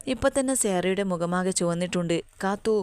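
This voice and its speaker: A woman's voice: lowish voice, fairly quick, a little mellow, smooth, lightly acted. A woman voicing an anxious young mother, pleading and worried.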